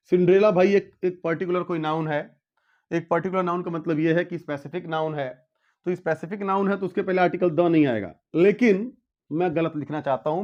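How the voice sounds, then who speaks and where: A man's voice: sits high, dull audio. A man teaching an English grammar lesson to students, explaining each point several times and calling them children.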